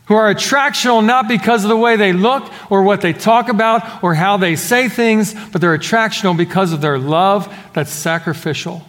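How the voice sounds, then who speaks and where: A middle-aged man delivers a sermon in a fairly high voice, slightly muffled as he speaks through a face mask. He is earnest and emphatic, moving between raised exhortation and quieter explanation, and his words ring with the long reverb of a large hall. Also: normal speed, hardly any pauses. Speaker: pastor preaching to a congregation.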